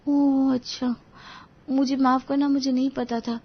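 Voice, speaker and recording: A woman's voice: high voice, level tone, measured pace, husky, lo-fi sound, pitched above the performer's own voice, exaggerated voice. A woman voicing a timid, eager young daughter-in-law in a cartoon story, polite and anxious to please. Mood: apologetic.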